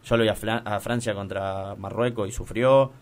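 A young Argentine man telling the story of a football final he saw in person, animated, with many restarts. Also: on the low side, moderate pace. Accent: Argentine Spanish. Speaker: guest recounting attending a football final. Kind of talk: casual chat.

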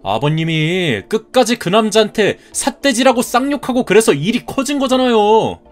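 A man's voice: sits high, very animated, moderate pace, faint music behind. A man in his thirties voicing a polite but stubborn young groom-to-be who answers back in a cartoon story. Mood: defiant. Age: 30s. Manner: polite, defiant retorts.

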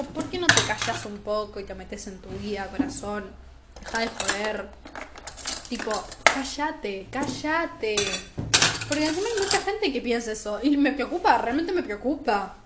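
A woman's voice: high-pitched, roomy sound, noisy background. A teenage girl with a Rioplatense Spanish accent, talking in a chatty, emphatic spoken-diary monologue. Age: teens. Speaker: vlogger.

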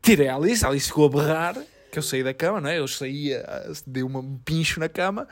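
Man, European Portuguese accent, rapid animated storytelling, slightly high voice. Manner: animated storytelling, argues back. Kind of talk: casual chat.

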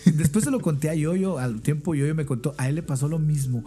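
A man on a podcast, telling lively anecdotes in casual chat and laughing often as he goes. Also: fairly high pitch, brisk. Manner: animated, laughs while telling stories. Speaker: podcast guest. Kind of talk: casual storytelling.

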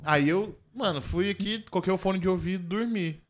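A man with a Minas Gerais accent tells a story among friends, his voice sitting a bit high. He is animated and excitable, acting out the voices of the people in his story and laughing often. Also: a little fast. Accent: Brazilian Portuguese, from Minas Gerais. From Minas Gerais, Brazil. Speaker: comedian telling a story. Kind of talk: casual chat, animated storytelling.

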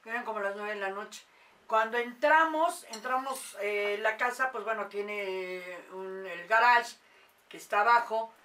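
A woman, a mother telling a paranormal story in casual, animated talk. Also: mid-range voice, unhurried, distant mic. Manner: animated, acts out quoted voices.

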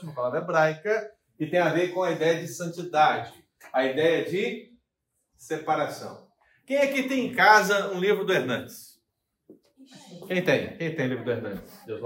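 A man's voice: on the high side, fairly bright tone. A male pastor with a Brazilian Portuguese accent, teaching a Bible study in a chatty way and asking his congregation questions. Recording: echoey church hall.

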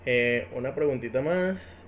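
A man's voice: mid-range voice, measured pace, slight background noise. A man hosting a podcast, asking open questions and affirming his guest's points. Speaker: podcast host. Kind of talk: casual podcast interview.

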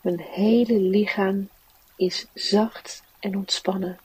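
A woman leading a guided relaxation in a soft, soothing, unhurried manner. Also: medium pitch, steady tone, breathy edge, distant mic, low-quality recording. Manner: soft, slow, soothing guiding delivery. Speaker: mindfulness teacher and meditation guide.

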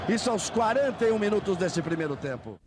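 Explosive high-pitched Brazilian man calling football goals. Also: sing-song. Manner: explosive, shouted goal commentary with drawn-out emphatic calls. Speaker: football play-by-play commentator. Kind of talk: live match commentary. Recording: noisy archive stadium sports broadcast. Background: stadium noise.

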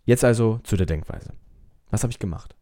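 A man's voice: lowish voice, a little fast, warm tone, no room sound, studio quality. A man speaking as a self-help coach with an American-tinged accent in his German, giving an emphatic, repetitive motivational talk straight to the listener. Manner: emphatic, repeats himself, direct address.

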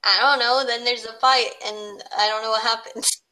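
A woman playing in an improvised fantasy game. She answers in a relaxed, hesitant way. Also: fairly high pitch, normal speed, poor audio. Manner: laid-back, hesitant replies. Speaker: player. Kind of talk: casual role-play chat.

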